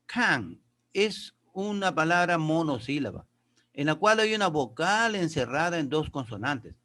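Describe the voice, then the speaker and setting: A male teacher with a slightly raised voice walks his pupils through grammar and pronunciation one step at a time. He reads English sentences aloud slowly and deliberately. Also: on the high side, very animated, bright, forceful tone, slight background noise. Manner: explains step by step, addresses pupils as kids. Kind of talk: classroom lesson.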